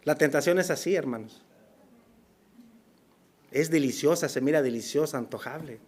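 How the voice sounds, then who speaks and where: A man preaching a sermon as pastor, telling a story and acting out its dialogue, sometimes dropping to a hushed voice for emphasis. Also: on the high side, moderate pace. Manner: storytelling, acts out dialogue, drops to near whisper for emphasis. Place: church.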